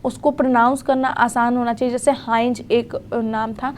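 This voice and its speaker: A young woman teaching a recorded exam lecture, explaining in Hindi, reading English definitions slowly and often checking in with "theek hai". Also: a little high, flat delivery, darkish tone.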